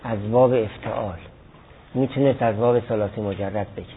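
A man's voice: lowish voice, steady tone, husky. A man teaching a class on Arabic grammar, explaining step by step with examples and answering students' questions. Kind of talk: classroom lecture. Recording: lo-fi phone-like recording.

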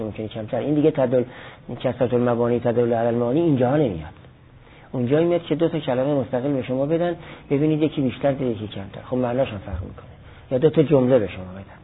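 Teaching Arabic grammar in a classroom lecture, a man with a mid-range voice explains step by step, gives examples, and answers students' questions. A little hiss or hum is audible, and the recording is lo-fi and phone-like.

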